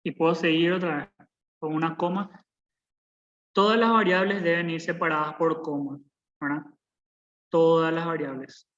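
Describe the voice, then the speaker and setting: A man's voice: on the high side, a bit bright. Man teaching code over a muffled call. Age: 20s. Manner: patient, repeats points, checks in with "¿verdad?". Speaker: programming instructor. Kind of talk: live online coding lesson. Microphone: video call.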